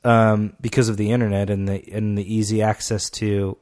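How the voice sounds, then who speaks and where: A man co-hosting a podcast in casual chat, rambling with lots of fillers and halting restarts. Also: fairly low pitch, flat delivery, darkish tone. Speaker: podcast co-host.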